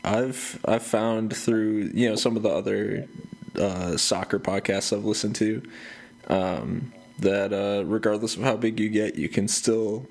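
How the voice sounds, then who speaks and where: A man co-hosting a soccer podcast, chatting casually with dry humor and slow, drawn-out phrasing. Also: on the low side, steady tone, vocal fry, a little mellow. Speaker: podcast co-host. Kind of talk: casual chat.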